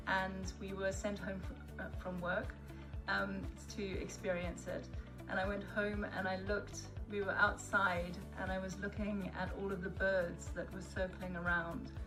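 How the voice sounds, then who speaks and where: A woman's voice: mid-range voice, low-quality recording. Woman from Zimbabwe telling a story over music. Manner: storytelling, reflective. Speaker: Wikipedia contributor. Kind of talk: personal anecdote in a celebration video. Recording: music clearly behind her.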